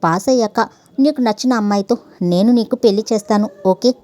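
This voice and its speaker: A woman's voice: medium pitch, fairly quick, warm tone, close to an everyday voice. A woman voicing an earnest, determined young male tutor in a storybook reading, speaking in a persuasive way.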